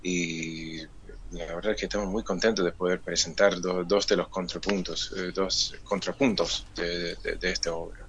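A man, a musician guest on a radio interview, explaining things in a measured, thoughtful way. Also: deep voice, level tone, fairly bright tone, slight background noise.

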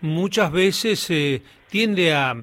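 Argentine radio host, slightly high voice. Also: male voice, extremely slow, a bit bright. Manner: conversational, filler-heavy with "este". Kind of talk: radio interview.

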